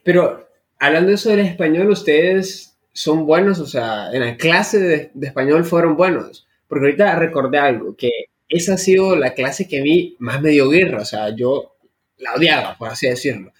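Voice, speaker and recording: A woman's voice: deep voice, normal speed. A woman chatting casually, telling stories and acting out quotes. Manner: animated, acts out quotes. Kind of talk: casual chat, storytelling.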